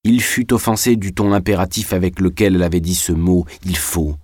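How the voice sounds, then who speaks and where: A man narrating a classic novel in a measured literary reading. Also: low-pitched, fairly even intonation, a little mellow, dry recording, studio quality. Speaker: audiobook narrator.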